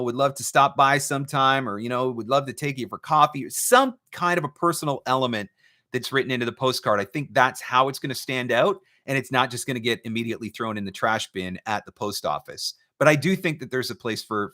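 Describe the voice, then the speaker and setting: Speaking as host and voice-over marketing coach on a relaxed Q&A stream, this man chats conversationally and hammers points home by repeating phrases. His medium-pitched voice is fairly quick, bright, and forceful.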